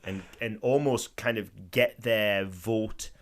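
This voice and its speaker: A man with a low voice rambles through a casual podcast chat as co-host. He swears freely and leans on "I mean" to keep his thoughts going. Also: steady tone, slow.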